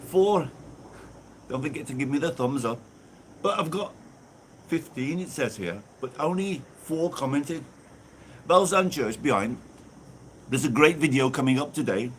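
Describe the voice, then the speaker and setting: Reading viewer comments aloud, an English vlogger live-streams outdoors on a phone held in front of him, with a church behind. He's bubbly and animated, with a medium-pitched, fairly bright voice, a measured pace and long pauses. Slight background noise is present.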